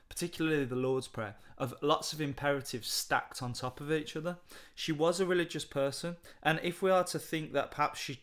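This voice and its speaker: A man working through a poem as a tutor, in a voice of middling pitch. He explains in a measured way, thinking aloud with the odd um and restart. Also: a bit bright. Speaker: English literature tutor.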